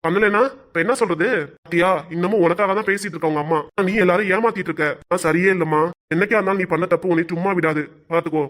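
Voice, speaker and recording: A man's voice: high voice, steady tone, fast talker, a bit bright, a little hiss or hum. A man voicing an elderly, stubborn and unforgiving father with a Kanyakumari Tamil accent, in a cartoon. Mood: stern. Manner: stern, reproachful.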